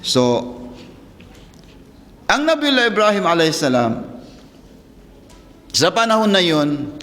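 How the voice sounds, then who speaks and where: A man's voice: a little high, long reverb tail. A man preaching a religious story in a rambling way, often asking his listeners "ha?" and mixing in Arabic phrases.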